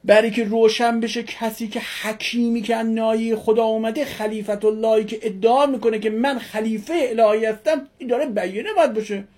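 Husky woman teaching a religion class. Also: a little high, fairly even intonation, few pauses, darkish tone. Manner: asks the class questions and answers them, with emphatic repetition. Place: classroom with students.

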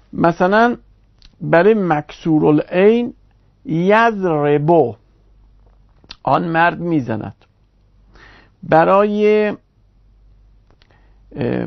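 A man giving a recorded online grammar lesson, explaining step by step at a measured pace with pauses and fillers. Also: a little high, creaky, muffled recording. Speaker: Arabic grammar teacher.

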